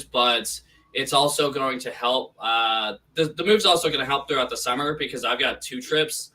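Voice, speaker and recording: A man's voice: mid-range voice, pushed and bright, recorded from a distance, a little hiss or hum. A man chatting casually on a podcast, rambling with many restarts, his voice sounding tinny and metallic, as if in a tin can. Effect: tinny tin-can sounding microphone. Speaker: podcast co-host. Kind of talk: casual chat. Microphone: poorly set up home microphone.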